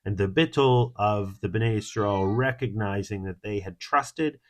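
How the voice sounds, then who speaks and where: A man with a low voice offers a thoughtful Torah commentary on his own. He moves steadily through the ideas, dropping Hebrew and Kabbalistic terms with ease, and lifts his voice abruptly for emphasis now and then. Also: unhurried. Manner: reflective, with sudden emphatic rises. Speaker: Torah teacher.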